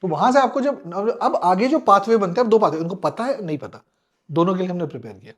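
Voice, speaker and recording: A middle-aged former air force officer, a podcast guest, tells an animated story, mixing Hindi and English and acting out the people in it with frequent chuckles. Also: male voice, high-pitched, quick pace.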